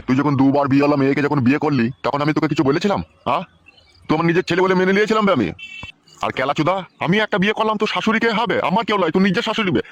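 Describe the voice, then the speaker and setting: A man's voice: high-pitched, lo-fi sound, a little hiss or hum, lightly acted. A man playing a foul-mouthed, angry middle-aged father in a comic skit, cursing nonstop. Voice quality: shouting, rapid-fire cursing.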